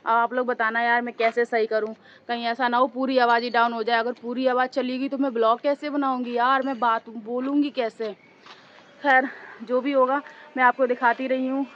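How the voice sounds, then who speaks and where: A hoarse woman with a fairly high voice talks straight to her viewers in a loose, rambling vlog. Her throat is sore and it shows in every line. The phone recording sounds dull and lo-fi, with faint noise behind her outdoors. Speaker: vlogger. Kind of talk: casual chatty vlog. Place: outdoors high up on a two-storey house.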